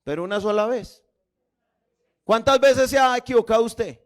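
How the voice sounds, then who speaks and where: Male pastor preaching hard, high voice, builds up to shouting at the church. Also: normal speed. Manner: impassioned preaching, rising to shouts, addressing listeners as brother. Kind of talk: sermon.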